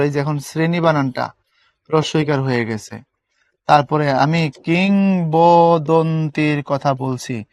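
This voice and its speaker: A young man teaching an online spelling class, casual and coaxing, often checking whether students understand. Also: a little high. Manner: colloquial, coaxing, keeps asking students if it is clear.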